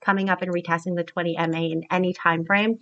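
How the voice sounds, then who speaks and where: A woman's voice: lowish voice, flat delivery, fast, a bit bright, lo-fi sound. A woman walking viewers through cryptocurrency chart indicators step by step, calling them "you guys" in a casual analysis video. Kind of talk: screen-share market analysis.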